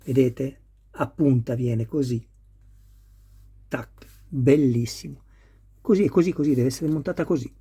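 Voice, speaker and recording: Speaking at a measured pace with long pauses, this man has a mid-range, mellow, husky voice. He's a model kit builder giving a careful, step-by-step assembly tutorial on a scale model car.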